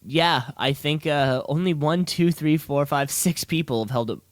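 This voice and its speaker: A man's voice: fairly high pitch, normal speed, no room sound, studio quality. A man co-hosting a podcast, chatting casually and rambling, repeating himself and laughing easily. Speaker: podcast co-host. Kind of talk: casual chat about wrestling.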